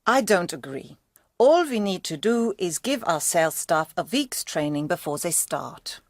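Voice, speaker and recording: Reasonable manager speaking up in a staged meeting, dry close recording. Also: female voice, lowish voice, sing-song, measured pace, dry recording, exaggerated voice. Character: reasonable female manager offering compromises in a meeting. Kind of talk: scripted language-course meeting dialogue.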